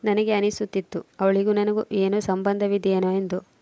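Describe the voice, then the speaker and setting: A woman voicing a kind, caring young daughter who speaks gently and affectionately. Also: medium pitch, level tone, moderate pace, dry recording, close to an everyday voice.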